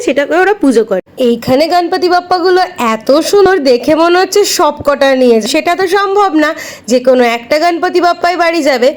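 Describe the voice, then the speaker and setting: A woman narrating a casual day-out vlog, chatting straight to her viewers. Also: high-pitched. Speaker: vlogger.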